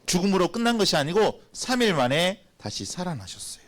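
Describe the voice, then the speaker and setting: A man pastor giving a lively, playful children's sermon and having the children repeat after him. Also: sits high, brisk. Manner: animated, playful, acts out little scenes.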